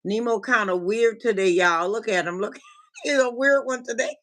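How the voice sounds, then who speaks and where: With a voice a little high and a bit bright, a woman hosts a casual livestream at a moderate pace. She's a life coach from Minnesota, USA, chatting, greeting viewers from the chat, and often restarting and laughing.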